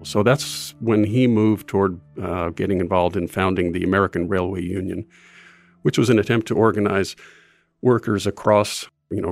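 A man's voice: sits low, creaky, no room sound. A man speaking as an expert interviewee, explaining history conversationally.

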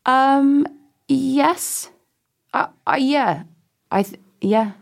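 In a casual, reflective interview conversation, an Englishwoman with a modern British Received Pronunciation accent speaks as a guest. Her high-pitched voice is extremely slow, with vocal fry, and she comes across as hesitant, self-deprecating and prone to digressions.

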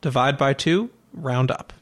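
A man's voice: medium pitch, a little slow, a bit bright. A man running a tabletop game as game master, explaining rules with dry teasing asides.

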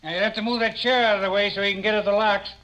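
A gruff old-time American beat cop in a radio play. His voice sits a bit high, and his talk is slangy and wry. Faint hiss and clicks run under the old recording. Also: fairly even intonation, very fast, sharp tone, rough recording. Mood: impatient. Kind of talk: 1940s American radio drama acting.

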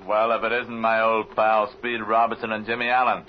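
A brash, mocking henchman, played by a man in a 1930s radio serial, fairly low in pitch. The sound is muffled with slight hiss. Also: level tone, brisk, close to an everyday voice. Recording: muffled, hissy vintage radio recording.

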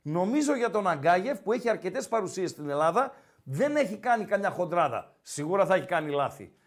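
Man, Greek accent, high voice, very animated pitch, teasing podcast host. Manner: teasing, animated, repeats the co-host's name. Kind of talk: casual sports talk.

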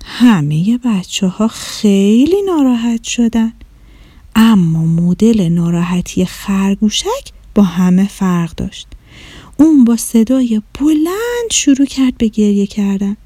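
Lively woman reading a children's story. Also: medium pitch, dry recording. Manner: expressive, gentle. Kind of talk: storybook narration.

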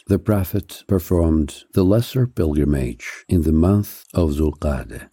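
A man reading a scripted history narration in a measured, even way, slowing and stressing each item when he lists things. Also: extremely low pitch, breathy edge, no room sound, clean studio sound.

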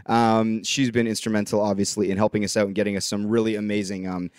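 A man's voice: lowish voice, level tone, quick pace, a little mellow, clean tone, no room sound. Man, podcast host, chatty, dry close sound. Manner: chatty, many fillers, thanking people. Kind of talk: casual podcast chat.

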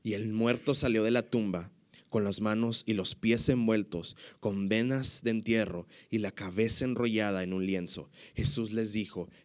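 A man preaching a sermon. He reads scripture expressively and drops to a hushed voice when he prays. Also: lowish voice, normal speed. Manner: expressive reading, hushed in prayer. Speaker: pastor.

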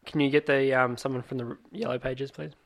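A man's voice: mid-range voice, little pitch movement, fast talker, creaky. A young man hosting casual beer-tasting banter in a blokey, joking, sweary way. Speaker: show host.

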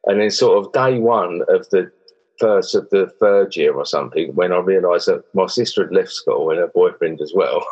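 Husky-voiced male podcast host. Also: low voice, normal speed, darkish tone, dull audio. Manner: friendly, rambling, with many fillers and restarts. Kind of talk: casual interview chat.

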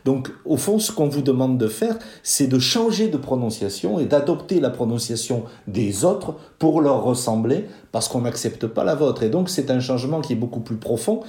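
A man explains his field in a measured interview answer, pausing often to find the right words. His voice is mellow and dark. The sound carries a roomy echo around him. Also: mid-range voice, animated. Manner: measured, deliberate, many hesitations. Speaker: linguist guest.

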